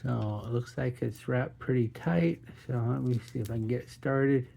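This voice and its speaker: A man's voice: medium pitch, fairly even intonation, moderate pace, gravelly, warm tone. A man hosting his own channel, cracking puns and chatting casually while he unboxes watches. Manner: jokey, punning, chatty. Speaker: watch reviewer, channel host.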